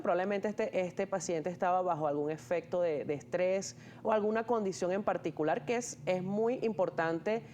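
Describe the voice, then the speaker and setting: A man with a high, slightly mellow voice, an ear, nose and throat doctor, patiently explains terms in an interview. He speaks hesitantly, with many restarts and fillers. The recording has a little hiss or hum.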